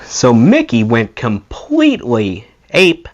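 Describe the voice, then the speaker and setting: Narrating a memoir audiobook, a channel host takes his time, his pitch moving up and down in an animated, expressive way. The recording sounds muffled.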